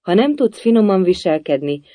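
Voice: mid-range voice, very animated, mellow, dry recording, pitched above the performer's own voice, close to an everyday voice. A storybook reader voicing a bored, wisecracking hare who teases everyone. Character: bored, teasing, sly hare.

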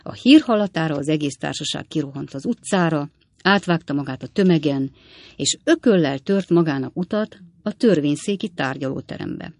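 Low-voiced woman narrating an audiobook. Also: expressive, darkish tone, no room sound.

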